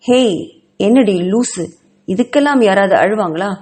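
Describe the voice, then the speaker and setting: A woman's voice: mid-range voice, lively intonation, unhurried, darkish tone, close to an everyday voice. A woman voicing a caring young female college student who speaks to her friend in fond, teasing hostel-room talk.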